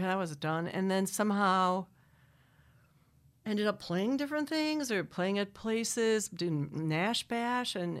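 A middle-aged woman from Wisconsin with a Wisconsin accent, chatting as a guest in an interview, talking in long restarting runs and laughing often. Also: fairly low pitch. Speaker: singer-songwriter guest. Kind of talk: casual interview chat. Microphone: studio microphone.

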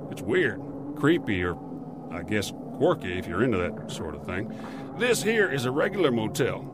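Over noticeable background noise, a man acts out a gruff veteran motel keeper in a horror-comedy audio drama. He is middle-aged and world-weary, grumbling in terse, folksy phrases with lively swings of pitch. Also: normal speed, natural voice. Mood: weary, grim. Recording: clear background ambience noise.

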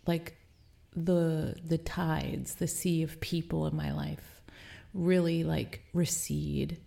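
A woman hosting a podcast, talking alone in a slow, hesitant, reflective way and often sinking into a whisper, with a low morning voice. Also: creaky, mellow. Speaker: podcast host. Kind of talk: casual reflective monologue.

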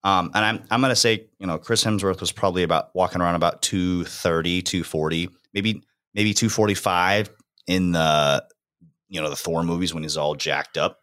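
A man's voice: low voice, fairly even intonation, moderate pace, a bit bright. A young man hosting a fitness podcast in casual, slangy chat, laughing often. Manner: laid-back, laughing, slangy.

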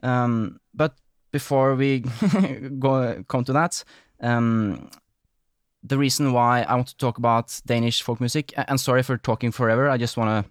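Smooth-voiced man hosting a chat. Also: mid-range voice, normal speed, dry recording, clean studio sound. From Norway. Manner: rambling, apologetic, many fillers. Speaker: podcast host. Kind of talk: casual interview chat.

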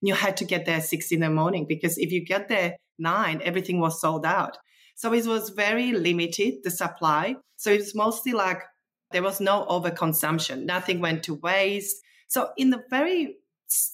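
This is a woman's lowish, somewhat bright voice. A nutritionist guest hailing from the former Czechoslovakia, she tells casual conversational stories in a chatty, enthusiastic manner, with non-native phrasing.

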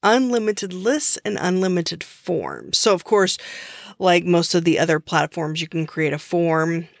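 Slow-talking woman hosting a podcast. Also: fairly low pitch, big pitch swings, vocal fry, dry recording, studio quality. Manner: chatty, restarts often, uses fillers. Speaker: podcast host. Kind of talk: casual solo podcast explainer.

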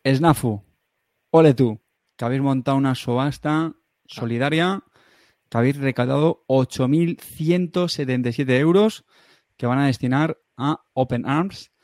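A man, hosting a casual chat podcast and rambling warmly with fillers. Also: mid-range voice, moderate pace, no echo, clean studio sound.

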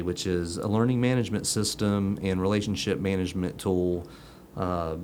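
A man's voice: sits low, slight background noise. A man hosting a casual chat show, joking and rambling with fillers. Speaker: host.

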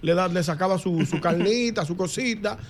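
A Dominican man co-hosting a radio comedy show, firing quick, interrupting questions. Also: high-pitched. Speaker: radio co-host. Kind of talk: comic banter.

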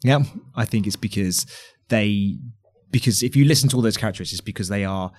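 A man's voice: lowish voice, a little fast, darkish tone. A man hosting a podcast interview, chatty and enthusiastic, agreeing often and laying out his own theories. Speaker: podcast host.

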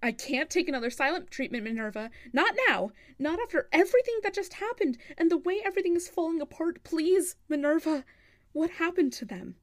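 A woman's voice: high voice, animated, fairly quick. A woman voicing an anguished guardian who brings lost people home, stammering, pleading and dropping into whispers in an audio drama monologue. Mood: frantic.

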